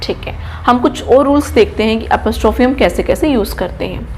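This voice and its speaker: A woman's voice: a little high, brisk, darkish tone, a little hiss or hum. A woman who is an English trainer, teaching a classroom grammar lesson step by step and checking in with her class after almost every point. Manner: explains step by step and keeps checking with "ठीक है?"; poses questions to the class, then answers them herself.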